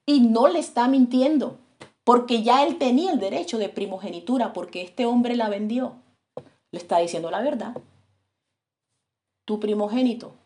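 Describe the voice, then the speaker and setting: A woman's voice: on the high side, normal speed, dark tone. A woman preaching a sermon, retelling a story in a conversational, storytelling way to her congregation.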